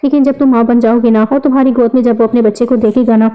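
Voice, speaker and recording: A woman voicing a kind, doting older mother-in-law in a read-aloud story, gentle and soothing. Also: on the high side, fairly even intonation, smooth, phone-quality sound, lightly acted.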